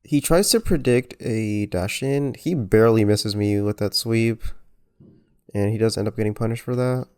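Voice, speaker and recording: A man giving careful, unhurried commentary on a replay of his own fighting game match, with muttered self-critical asides. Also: fairly low pitch, darkish tone, smooth. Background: music.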